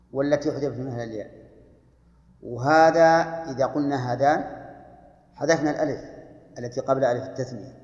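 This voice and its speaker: A man's voice: mid-range voice, a little mellow. An older man teaching a grammar lesson, reciting lines of verse and putting questions to his students before he answers them. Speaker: scholar teaching Arabic grammar. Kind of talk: classroom lesson explaining verse. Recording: echoey hall, dull lo-fi archive tape.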